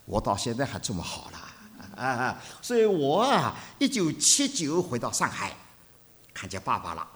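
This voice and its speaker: An older male preacher gives a sermon. His pitch leaps and falls widely, and he moves from loud to hushed as he tells stories. The delivery is very lively. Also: unhurried. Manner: animated storytelling with sharp swings between loud and hushed.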